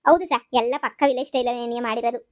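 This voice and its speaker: A woman voicing a high, pleading village woman. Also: steady tone, very fast, close to an everyday voice. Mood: eager. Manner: begging, repeats "sir" in every line. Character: pleading young village woman selling chutney powder. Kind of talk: cartoon voice acting.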